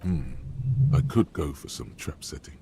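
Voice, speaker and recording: An actor narrating a video game in a measured, dry scripted delivery. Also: male voice, extremely low pitch, gravelly, warm tone, exaggerated voice. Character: grave, all-knowing male game narrator. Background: game music.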